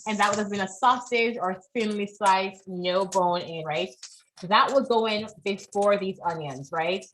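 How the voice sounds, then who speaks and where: A woman's voice: mid-range voice, a little slow, a bit bright, slight background noise, rough recording. A woman leading a live online cooking class, chatty and encouraging, often checking in with her students.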